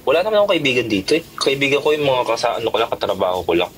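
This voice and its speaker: A man's voice: mid-range voice, sing-song, rapid-fire, slight background noise, poor audio. A man chatting casually on a livestream, defensive and insisting again and again that he is not angry.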